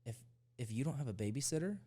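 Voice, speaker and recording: A man's voice: medium pitch, lively intonation, quick pace, mellow. A young man co-hosting a podcast, telling a heated, profane story in casual chat. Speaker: podcast co-host.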